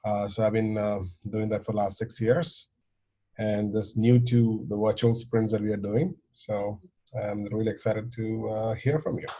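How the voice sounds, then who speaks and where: A man's voice: on the low side, steady tone, moderate pace, warm tone. A man introducing himself as a product consultant on a video call, polite and eager.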